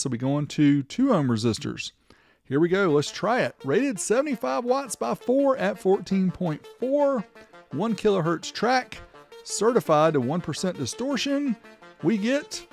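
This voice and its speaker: A man with a high-pitched, darkish voice presents a car audio amplifier test video. He narrates the demonstration step by step and calls out the test readouts.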